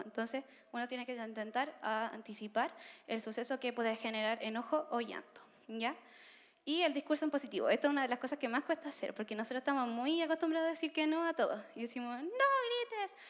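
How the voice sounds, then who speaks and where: A woman's voice: sits high, big-room sound. A woman giving a conversational seminar talk to parents, often checking in with her listeners. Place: seminar room.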